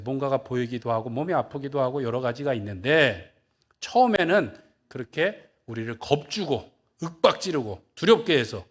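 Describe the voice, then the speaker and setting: A male pastor preaching a sermon, asking the congregation questions and answering them, and acting out the quoted speech. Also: a little high.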